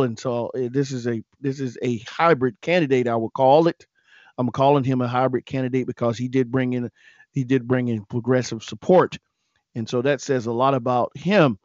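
A man's voice: medium pitch, darkish tone, no room sound, muffled recording. A man from South Carolina hosting a political news podcast in a chatty way, talking to listeners as folks and reading election results. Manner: chatty, addresses listeners as folks, many fillers. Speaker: podcast host.

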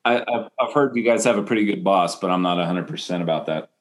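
Deep-voiced male interviewer. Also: quick pace. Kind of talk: casual interview.

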